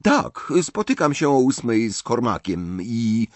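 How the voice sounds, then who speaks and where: Hermione, a man doing a brisk teenage schoolgirl. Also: mid-range voice, very animated, no room sound. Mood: pointed.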